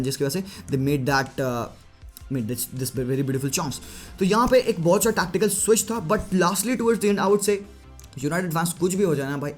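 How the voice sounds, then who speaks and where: A man giving a casual, lively tactical breakdown of a football match, chatting to viewers and mixing in English phrases. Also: on the high side. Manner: lively Hinglish commentary, mixing Hindi and English; chatty, addresses viewers as bhai. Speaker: football analyst.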